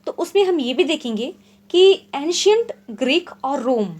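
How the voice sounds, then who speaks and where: High-voiced woman teaching literary terms. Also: expressive, a little mellow. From India. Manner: explains terms plainly, reads definitions slowly and deliberately; checks in often with short confirming asides. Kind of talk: exam-prep lecture.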